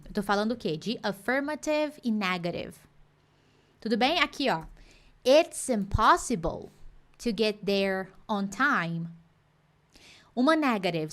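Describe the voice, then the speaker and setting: A woman's voice: on the high side, animated, fairly quick, a bit bright. A woman with a Brazilian Portuguese accent teaching English in a live online class, playful and teacherly, dropping in English example sentences.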